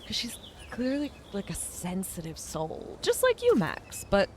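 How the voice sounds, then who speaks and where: A woman playing a video game and chatting casually about the characters as she goes, with warm, animated reactions. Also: mid-range voice, unhurried, slight background noise. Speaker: game streamer. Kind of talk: casual playthrough commentary.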